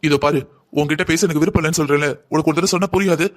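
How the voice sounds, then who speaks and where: Cartoon dad, middle-aged, stern and bitter, quick talker, lifted pitch, man voicing. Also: steady tone, close to an everyday voice. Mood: scolding. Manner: lecturing, bitter. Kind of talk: Tamil cartoon voice acting.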